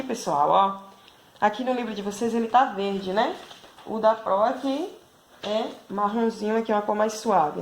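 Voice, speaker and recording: With slight background noise behind her medium-pitched voice, a Brazilian Portuguese-accented primary school math teacher leads a video lesson for schoolchildren. She is patient in her explanations and constantly checks in using tag questions.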